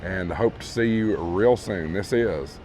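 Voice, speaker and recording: This easygoing store-tour host sounds hoarse, as if losing his voice, and speaks low, a little mellow and measured, with slight background noise behind him. Holding a phone camera, he narrates a casual walkthrough of a big indoor shop, greeting viewers as folks and praising things more than once.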